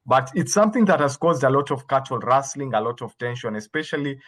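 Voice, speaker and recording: A man from Kenya gives a patient expert talk over a video call. His voice sits in a middle pitch and he explains step by step, now and then restarting a phrase. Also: fast, fairly bright tone. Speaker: guest expert. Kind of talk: explaining to a workshop audience.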